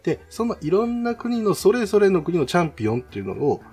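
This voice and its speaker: Man, lively swooping intonation, chatty polite game host, casual talk, music behind. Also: high-pitched, quick pace, breathy edge. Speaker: host talking about mobile games.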